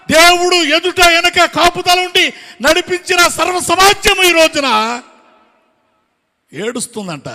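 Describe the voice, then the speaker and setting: A man preaching an impassioned sermon to his congregation, firing off rhetorical questions and breaking into shouts. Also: extremely high pitch. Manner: addresses the congregation directly. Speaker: pastor. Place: church hall with congregation. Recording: long hall reverb.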